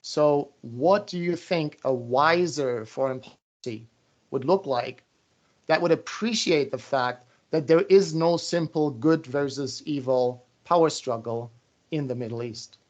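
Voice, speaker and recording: A man hosting an interview, framing long, deliberate questions and recounting his own travels. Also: medium pitch, dull audio.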